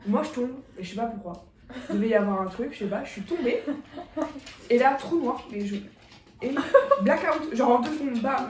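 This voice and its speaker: A woman's voice: fairly high pitch, darkish tone, distant mic, slight background noise. Woman rambling stories, a little off mic. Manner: rambling storytelling with many fillers. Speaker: vlogger's sister, co-host. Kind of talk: casual chat over a meal. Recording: echoey room, a bit off mic.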